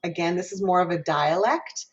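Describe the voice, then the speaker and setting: A woman's voice: lowish voice, normal speed, very noisy. A woman from Minnesota teaching an online diction lesson as a guest professor, explaining and voicing vowel sounds aloud over a video call. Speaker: guest lecturer, music professor. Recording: dull lo-fi video call audio.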